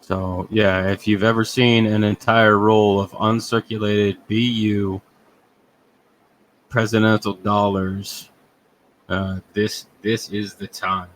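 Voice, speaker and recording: A man selling coins on a live sale stream, talking haltingly with many fillers. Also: fairly low pitch, flat delivery, slight background noise, low-quality recording. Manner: halting, many ums and uhs.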